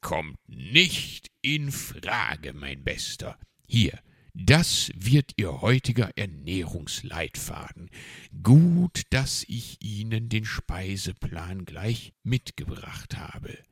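A man's voice: low voice, sing-song, takes it slowly, slightly rough, no room sound, studio quality, exaggerated voice. A man voicing a strict, fussy fox in a children's audiobook, firm and precise.

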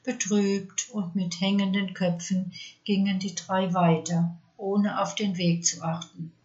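A woman reading her own fairy tale aloud in a calm storytelling manner. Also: medium pitch, measured pace, highs cut off. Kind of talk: scripted fairy-tale narration.

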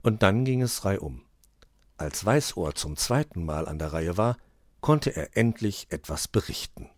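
A man narrating a children's animal story in an expressive storytelling manner. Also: low voice, unhurried, dry recording, clean studio sound.

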